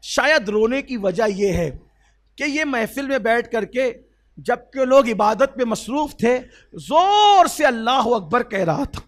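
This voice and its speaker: High-voiced emotional Urdu preacher, man. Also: animated. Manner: emotional, swells to loud exclamations and drops to soft; asks the audience rhetorical questions. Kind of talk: sermon storytelling.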